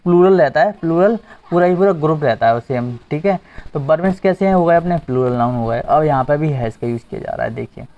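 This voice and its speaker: A male teacher giving an exam-prep grammar lesson, asking the class questions and repeating the answers. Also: fairly high pitch. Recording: dull lo-fi recording.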